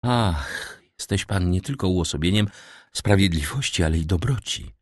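A male reader plays an earnest young prisoner, eager to please and quick to swear his honesty. His tone stays low and sincere. The reading is close-miked and dry. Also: animated, no echo. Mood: pleading. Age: young adult.

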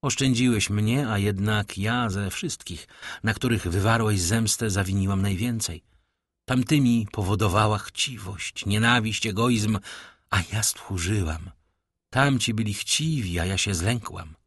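A man's voice: fairly low pitch, unhurried, dry recording, clean studio sound. A man reading the lines of a grieving, self-reproaching woman of about forty in an audiobook. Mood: remorseful.

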